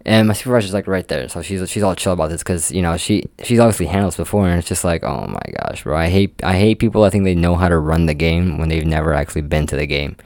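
A man's voice: low voice, fast, hardly any pauses, darkish tone, dry recording, clean studio sound. A young man telling a work story in a casual, rambling way, full of "like" fillers. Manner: rambling, heavy use of "like" fillers. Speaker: amusement park game attendant.

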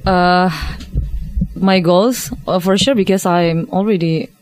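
A woman in her thirties from Indonesia, speaking with an Indonesian accent, joins a casual discussion as a guest. Her voice is fairly low, steady, slow, and darkish, and she hesitates and restarts often.

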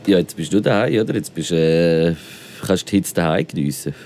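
A man's voice: deep voice, animated, a little fast, a little mellow, a little hiss or hum. A man with a Swiss German accent, calling in from home as a podcast co-host, teasing and laughing easily. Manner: giggly, teasing. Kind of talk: casual chat over a remote call. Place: at home in his room. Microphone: phone and clip mic near the body.

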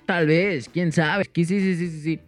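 Young Mexican comedy podcast co-host, high-voiced and rowdy, laughing and swearing, faint music under him. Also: male voice, steady tone, a little slow. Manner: loud, joking, swearing, laughing often. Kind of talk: crude comedy banter.

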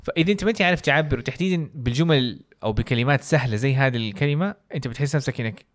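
A man's voice: mid-range voice, animated, rapid-fire, no echo, clean studio sound. A man co-hosting a casual podcast lesson, explaining English phrases through many examples and acting them out with exaggerated intonation. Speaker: podcast co-host teaching English.

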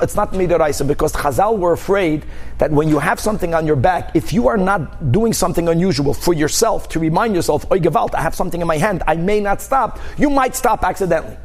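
High-pitched male rabbi teaching a class. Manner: animated explaining with examples and rhetorical questions. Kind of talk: religious text lesson, reading aloud and explaining.

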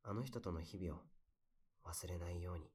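A young man playing a heartbroken guy who softly confides about lost love in casual, wistful, intimate pillow talk. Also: low voice, moderate pace, breathy edge. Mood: wistful, quoting. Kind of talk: intimate pillow-talk audio role-play.

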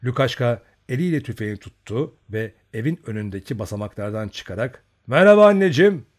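A man reading a novel aloud as an audiobook narrator, in an expressive, storytelling way. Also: fairly low pitch, brisk. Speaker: audiobook reader.

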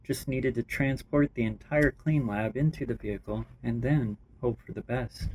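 A man reading his own rough story draft aloud, unrehearsed, with small slips and restarts. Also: mid-range voice, normal speed, a little mellow, a little hiss or hum. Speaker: writer and narrator.

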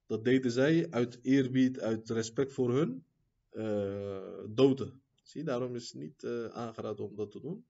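A man teaching an Islamic lesson who reads texts quickly, then explains them at length with many fillers and asides to his listeners. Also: mid-range voice, vocal fry, warm tone, muffled recording. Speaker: religious teacher.

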